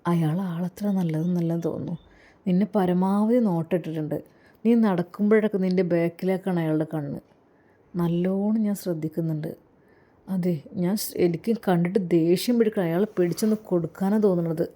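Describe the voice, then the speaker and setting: A woman's voice: on the low side, steady tone, fairly quick, natural voice. A woman voicing a caring young man who earnestly warns and comforts a friend, with a Malappuram Malayalam accent. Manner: earnest, protective advice, with soft endearments.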